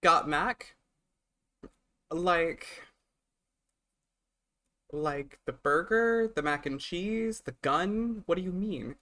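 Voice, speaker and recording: A man streaming live, chatting casually with his audience and co-host while he eats, swearing freely and swinging between loud and soft. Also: sits high, animated, drawn-out words, pauses often.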